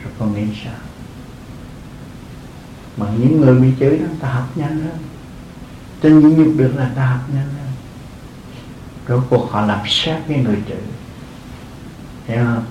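A man's voice: mid-range voice, normal speed, long pauses, mellow, echoey room, lo-fi sound, slight background noise. An older man, a monk, giving an earnest dharma talk to lay followers, repeating his phrases and chuckling often. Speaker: Buddhist monk teaching.

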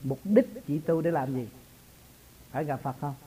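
A man's voice: a little high, moderate pace, dark tone, husky, low-quality recording. A man, a spiritual teacher talking casually in a folksy, storytelling way and laughing often. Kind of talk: casual religious talk.

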